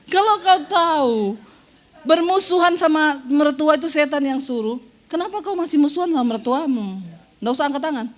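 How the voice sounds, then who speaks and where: A woman pastor with a high voice preaches a lively sermon. She teases her listeners and acts out the voices she quotes. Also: normal speed. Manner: playful, teasing the congregation, acts out quoted voices.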